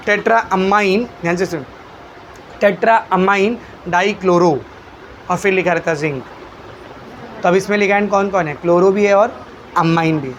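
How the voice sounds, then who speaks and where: A male teacher runs a chemistry lesson in a fairly high voice. He fires questions at his students, calls them "beta" and answers the questions himself. A faint hiss of noise sits under the recording. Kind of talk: classroom lecture.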